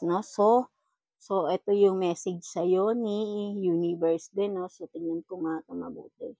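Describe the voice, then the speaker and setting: A woman's voice: medium pitch, no echo, rough recording. A woman with a Filipino accent giving a casual spiritual reading, chatty, with frequent tag questions. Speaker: tarot reader.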